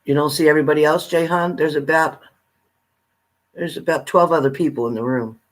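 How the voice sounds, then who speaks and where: A man with a slightly high voice talks a little fast as he hosts a livestream, chatting informally with viewers and addressing them by name. The recording quality is low.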